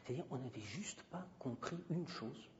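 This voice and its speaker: A man's voice: mid-range voice, lively intonation, normal speed, a little mellow, a little hiss or hum. A man giving a university lecture into a handheld microphone, emphatic and digressive, talking freely with the audience. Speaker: guest lecturer. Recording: dull lo-fi recording with long hall reverb.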